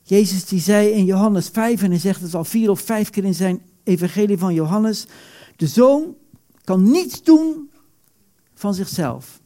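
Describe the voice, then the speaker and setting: A man preaching a sermon, animated, acting out quoted prayers with sudden loud outbursts. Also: sits high, moderate pace.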